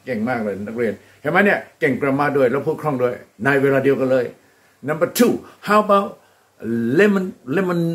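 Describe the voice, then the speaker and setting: A man teaching English, speaking Thai with a Thai accent. He models English phrases slowly and with care, then explains quickly and encourages his students warmly. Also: mid-range voice. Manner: upbeat and encouraging, often praising the students. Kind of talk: classroom-style English drill.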